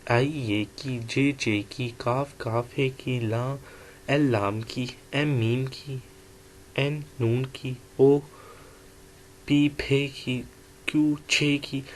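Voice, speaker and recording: A man giving an online language lecture, explaining letters and sounds one by one in a slow, patient way. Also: medium pitch, steady tone, a little hiss or hum. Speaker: language teacher.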